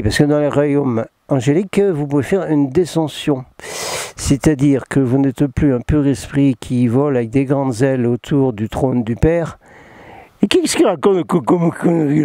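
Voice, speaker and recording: A man's voice: mid-range voice, mellow, no room sound. A man, talking casually about spiritual matters, rambling and joking at himself with many restarts. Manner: jokey, self-mocking, rambling with many restarts. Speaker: spiritual channeler hosting a talk. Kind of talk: casual spoken talk mixing reading and asides.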